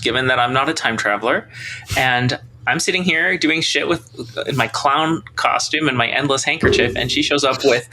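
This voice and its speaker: A man's voice: medium pitch, bright, forceful tone, slight background noise. A man chatting as a player in a tabletop game, rambling and self-deprecating. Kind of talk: casual tabletop game chat.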